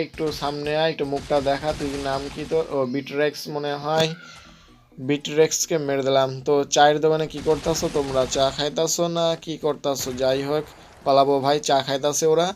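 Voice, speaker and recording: Joking man commenting on gameplay. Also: fairly high pitch. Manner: joking, teasing opponents, rambling. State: voice slightly hoarse. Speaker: gaming channel host.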